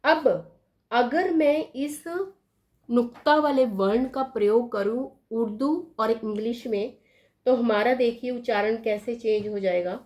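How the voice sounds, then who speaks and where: Woman teacher, higher voice, unhurried board lesson that repeats each word. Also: a little mellow. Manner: repeats words slowly for pronunciation, asks pupils questions. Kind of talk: slow classroom explanation at a board.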